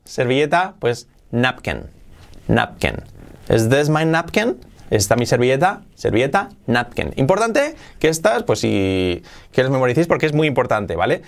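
A man from Spain with a Spain Spanish accent teaches English vocabulary in a relaxed spoken lesson. His voice is gravelly and his pitch jumps about a lot, especially on questions. He says each word several times and moves back and forth between Spanish and English. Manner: repeats words slowly, switches between Spanish and English.

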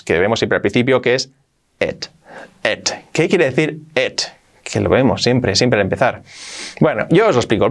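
A man from Spain teaching English to beginners in a video lesson, explaining in Spanish and slowly repeating the English examples and sounds. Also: mid-range voice.

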